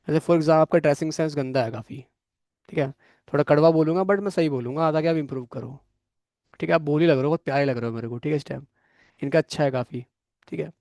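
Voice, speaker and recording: A man's voice: fairly high pitch, darkish tone, no echo. Frank male coding instructor, dry sound. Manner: frank, coaching tone, frequent "theek hai" check-ins. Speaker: programming course instructor. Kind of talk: classroom lecture with live and online students.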